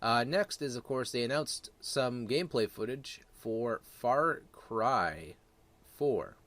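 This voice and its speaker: A man's voice: mid-range voice, expressive, takes it slowly, a bit bright. A man giving casual, opinionated gaming commentary in a crude, blunt, rambling way, often correcting himself. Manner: rambling, self-correcting delivery.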